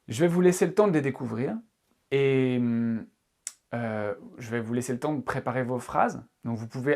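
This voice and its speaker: A man's voice: medium pitch, creaky, darkish tone. Hesitant man teaching on video. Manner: hesitant, many fillers and restarts; friendly, encouraging. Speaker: English teacher. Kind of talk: casual video tutorial.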